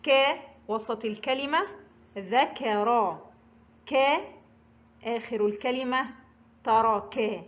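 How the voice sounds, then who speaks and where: A woman gives a pronunciation lesson, drawing out every letter and example word at a very unhurried pace. Her voice sits a little high. The sound is slightly dull and lo-fi. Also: a bit bright. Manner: pronounces each letter and example word slowly and distinctly. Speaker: Arabic teacher. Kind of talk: slow, deliberate pronunciation lesson.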